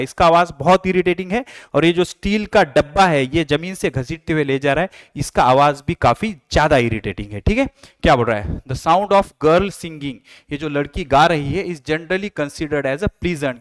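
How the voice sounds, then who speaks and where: A man's voice: on the high side, no echo. A man teaching a science lesson, mixing Hindi and English, asking and answering his own questions and playfully imitating sounds. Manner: reads English textbook lines slowly, then explains them.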